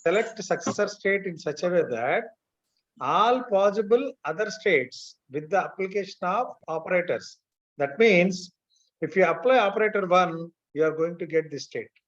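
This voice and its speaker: A man with a Telugu Indian accent teaches an online class step by step, blending Telugu and English and often checking that his students are following. His voice is high-pitched and fairly quick with lively intonation, and the audio is dull and lo-fi.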